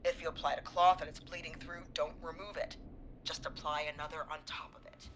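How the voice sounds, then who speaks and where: Rushed hospital nurse, low hushed delivery, step-by-step instructions, game voice acting. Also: female voice, little pitch movement, a little hiss or hum. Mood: instructive.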